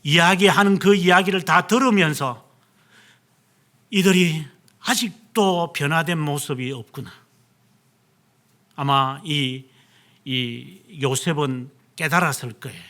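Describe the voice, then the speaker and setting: A man's voice: a little high, slow pace, long pauses, a bit bright. A male pastor preaching a sermon, retelling scripture dramatically and acting out quoted lines. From South Korea.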